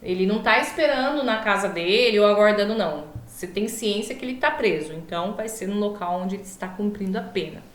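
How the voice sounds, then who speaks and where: A Brazilian woman teaches an online law class in an informal, explanatory style. A swollen mouth slightly impedes her speech, so she stumbles over long words and corrects herself. Her mid-range voice is animated and brisk with few pauses, recorded in an echoey room.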